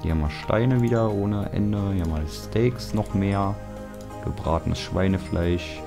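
A man's voice: sits low, unhurried, vocal fry. A young German man giving casual, chatty let's-play commentary, grumbling and joking at himself as he sorts items and chops wood. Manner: chatty, self-mocking, grumbling asides. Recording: background music under voice.

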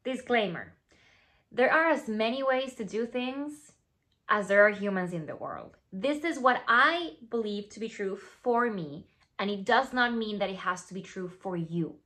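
In a plain indoor studio, a Venezuelan woman in her thirties who runs a skincare brand speaks a scripted piece to camera in a mid-range, unhurried voice. Her first language is Spanish, and she has a Venezuelan Spanish accent. She comes across playful and animated, ducking into asides and whispers.

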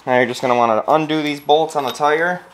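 Step by step, a man in his thirties casually shows how to assemble a trailer in his home garage workshop for his vlog. His voice is a little high and quick, and there's noise throughout the garage recording.

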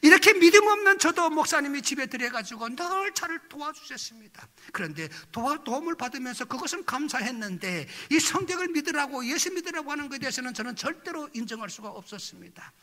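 Male pastor from North Korea, testimony sermon; very high, sharp voice, quiet telling that bursts into loud cries. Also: lively intonation, fast talker, hardly any pauses, in a large hall. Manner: swings from low quiet telling to loud high-pitched outbursts. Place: large church hall.

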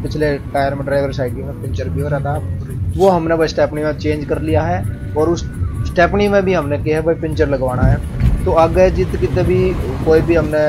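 A travel vlogger in his thirties films a road trip on a handheld phone, talking to viewers outdoors on mountain roads and from inside a car. His voice is on the high side and he's chatty, repeatedly calling viewers "brother." The outdoor phone audio is noisy.

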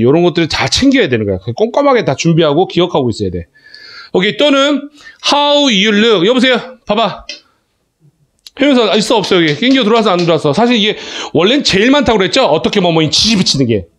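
A man teaching a class of students, talking in a casual, animated way, calling on students by name and checking they follow. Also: high voice. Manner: animated, calls students by name, asks "그지?" often. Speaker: academy English teacher. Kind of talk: classroom lecture.

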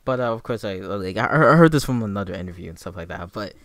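A young man talking like a frat bro, slangy and hyped, giving excited casual reaction commentary. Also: fairly low pitch, fast talker, no echo, clean studio sound. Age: young adult. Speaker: music reaction video maker.

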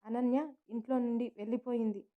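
A woman's voice: fairly high pitch, flat delivery, a little fast, narrow, tinny audio, lightly acted. A woman narrator voicing a furious, scheming middle-aged mother who speaks harshly and makes threats. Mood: angry.

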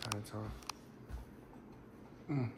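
A man vlogger in casual chat, talking in a slangy, low-key way. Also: fairly even intonation, slow. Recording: roomy echo with loud background noise.

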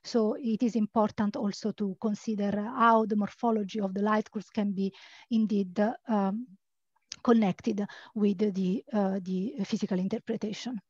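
A woman's voice: medium pitch, fairly even intonation, normal speed, a little mellow, dry recording, lo-fi sound. A woman answering a question during a video-call Q&A, hesitating often with many fillers. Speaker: conference speaker answering a question. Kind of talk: Q&A discussion over a video call.

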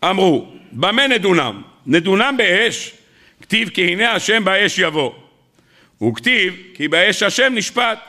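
A man giving a rabbi's sermon with a gravelly, bright edge to his voice. He talks in an animated way, posing questions to the listeners and answering them himself, and sometimes acts out the voices of the people he quotes. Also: sits high. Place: lecture hall.

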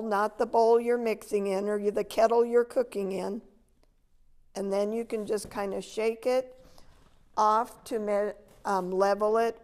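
A woman's voice: mid-range voice, a little mellow. An older woman giving a patient, step-by-step cooking demonstration in a large demo kitchen, filmed from a distance. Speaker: extension educator.

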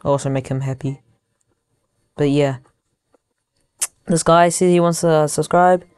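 A young male gaming YouTuber with a slightly high, smooth voice talks into headphones used as a mic. He gives casual, halting commentary, thinking out loud as he plays. The sound is dry and close. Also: steady tone, dry recording. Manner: halting, thinking aloud while typing.

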